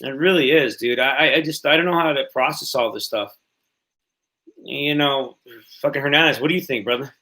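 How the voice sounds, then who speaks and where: Speaking a little fast, this late-thirties podcast host has a bright, forceful, mid-range voice. He runs a casual livestream, wandering off topic, cursing without restraint, and saying the same things more than once.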